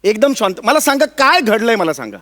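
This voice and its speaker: A man's voice: high-pitched, very animated, fairly quick, pushed and bright, exaggerated voice. A blustering, sing-song father-in-law. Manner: theatrical, repeats the same line over and over. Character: blustering father-in-law who scolds his daughter. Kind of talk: stage comedy sketch.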